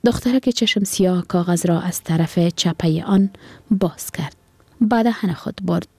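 Breathy, gravelly woman reading a story. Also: on the low side, dark tone, dry recording. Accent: Afghan Dari. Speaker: story reader. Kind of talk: radio story narration.

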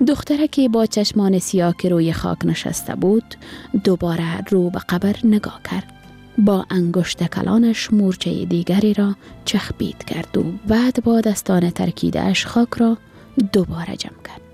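Woman, Afghan Dari accent, radio story reading, dark mellow, gravelly breathy. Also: medium pitch, faint music behind. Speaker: story reader.

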